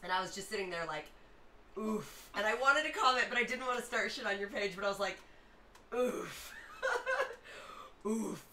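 A woman in her thirties with a slightly hoarse voice, hosting a casual livestream and chattily reacting to viewer comments. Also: medium pitch, expressive, very fast, hardly any pauses, bright, forceful tone, recorded from a distance. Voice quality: hoarse, rough-edged. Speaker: livestream music host. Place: small home music room, indoors. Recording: roomy, off-mic, faint background noise.

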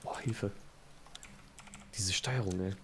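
A man's voice: low voice, slow, a bit bright, a little hiss or hum. A man playing a co-op survival game with a friend, chatting casually and grumbling and swearing when things go wrong. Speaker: co-op gaming partner. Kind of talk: casual co-op gaming chat.

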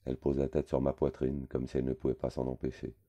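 Man, audiobook reader, first-person narration, very low voice, wry conversational tone. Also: completely flat delivery, quick pace, mellow.

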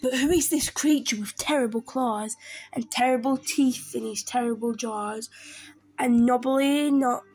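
A woman reading a picture book aloud in a slow, expressive, playful way. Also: fairly high pitch, breathy edge, faint music behind. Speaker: storybook reader.

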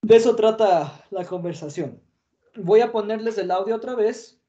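A man's voice: high voice, moderate pace, mellow. A man teaching an English lesson online, explaining patiently with fillers, in dull lo-fi audio.

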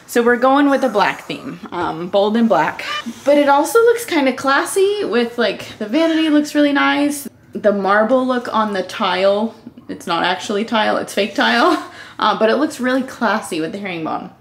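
A young woman chatting casually about her home, upbeat and quick to laugh. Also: fairly high pitch, animated. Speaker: vlogger. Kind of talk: casual home tour chat. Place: bathroom of a new house.

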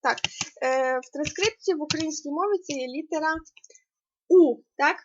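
A woman's voice: sits high, fairly quick, lo-fi sound, background noise. A woman teaching an online language lesson, explaining patiently step by step and hesitating often with fillers. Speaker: Polish language tutor.

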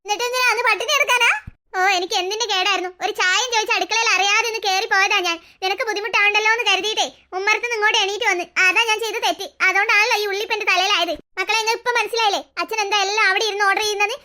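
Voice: very high voice, steady tone, racing, sharp tone, heavily acted. A performer playing a lazy, sulky father who grumbles and complains, in a comic family sketch. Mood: grumbling. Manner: whiny, complaining.

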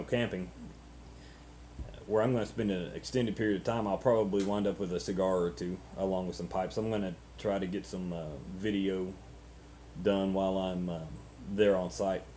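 A man in his thirties chatting casually and unscripted to camera as a vlogger, halting and ruminative, often repeating words, on noisy webcam audio. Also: low-pitched, steady tone, mellow. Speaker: pipe-smoking vlogger.

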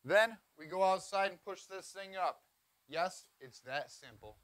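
With an unhurried pace and a high, fairly bright voice, a trailer reviewer in his forties tours a camping trailer with enthusiasm, pointing things out as he walks in and around a cargo trailer on an outdoor lot. The lapel mic picks up no room sound.

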